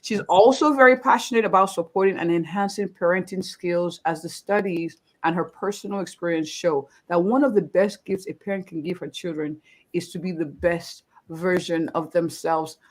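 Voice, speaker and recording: A woman doctor hosts a live-streamed interview in a slightly low voice. She sounds upbeat and effusive and keeps repeating her praise. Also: normal speed. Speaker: host, family physician.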